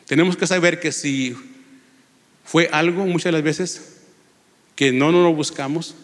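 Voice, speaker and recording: A man's voice: a little high, steady tone, unhurried, in a large hall. A man preaching a sermon in Spanish to a congregation, reading from the Bible and asking them rhetorical questions. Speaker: lay preacher. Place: church.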